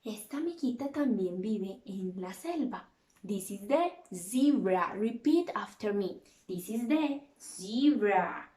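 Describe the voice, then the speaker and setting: A woman teaching a bilingual lesson to small children, in a slow, exaggerated and playful way with gasps of surprise. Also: mid-range voice, lively intonation, warm tone. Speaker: preschool teacher. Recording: roomy, distant from the mic.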